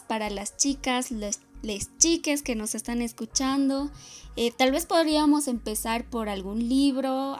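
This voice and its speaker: Woman cohost, highish voice, polite questions, faint music behind. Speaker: co-host. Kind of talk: casual chat.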